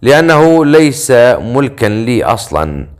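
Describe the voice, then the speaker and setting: A man's voice: mid-range voice, sing-song, normal speed, close to an everyday voice. A man voicing a self-assured, sarcastic male hero who teases dryly. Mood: wry.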